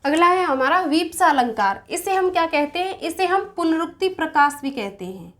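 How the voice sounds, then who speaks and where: A woman's voice: very high voice, lively intonation, fairly bright tone. A woman teaching a Hindi grammar lesson for exam preparation. She explains step by step, poses questions and answers them herself, and recites couplets in a sing-song cadence. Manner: explains slowly, asks and answers her own questions.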